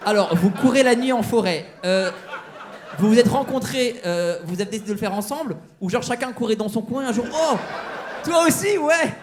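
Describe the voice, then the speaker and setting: A man's voice: very high-pitched, expressive, moderate pace, slight background noise. A man doing stand-up crowd work on a comedy club stage, teasing the audience with mock-outraged banter. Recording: live show with crowd laughter.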